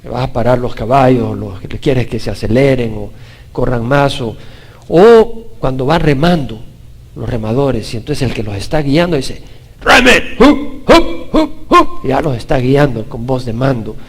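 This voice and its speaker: A man preaching a Bible-study sermon with a Latin American Spanish accent. He is emphatic, puts questions straight to his listeners and moves between loud declarations and low, quiet asides. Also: normal speed, slightly rough. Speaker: pastor.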